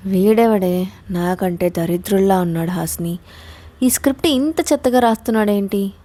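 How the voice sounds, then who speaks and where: A woman voicing a young woman, a restless friend with a teasing, lively way of talking. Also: mid-range voice, normal speed, lightly acted. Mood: bored.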